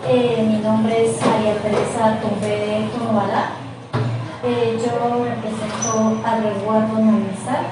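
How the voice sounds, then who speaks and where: A woman, an artisan, introducing herself slowly and with hesitation in a documentary interview. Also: on the high side, flat delivery, over music. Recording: very echoey, distant mic, crowd behind.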